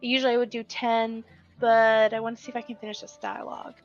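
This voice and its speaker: A woman's voice: fairly high pitch, flat delivery, fast talker, highs cut off, faint music behind. A woman hosting a writing livestream, chatting casually, rambling with fillers and giggles, and sleepy. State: sleepy, yawning. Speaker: livestream host.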